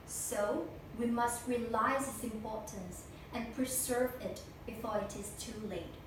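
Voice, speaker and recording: A young woman recites a memorized speech for a competition, stiff and deliberate. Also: on the high side. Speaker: speech contestant. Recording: echo-heavy room, distant mic, noisy.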